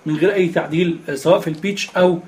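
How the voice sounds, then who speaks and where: Egyptian guy teaching screen reader stuff, quick and high-ish, lots of umms. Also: steady tone, darkish tone, slight background noise. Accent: Egyptian Arabic. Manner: explains step by step with frequent filler sounds. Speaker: instructor.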